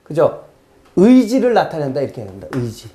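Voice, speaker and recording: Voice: mid-range voice, wildly swooping pitch, moderate pace, dark tone, soft background music. A teacher giving a recorded exam-prep lecture, acting out quoted lines and asking the class rhetorical questions.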